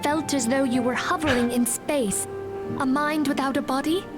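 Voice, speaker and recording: A solemn leader of a secret order, voiced by a woman, speaks in formal, measured sentences full of archaic turns. Her voice sits slightly high, and game music plays clearly behind her. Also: fairly even intonation, natural voice. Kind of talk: game voice acting.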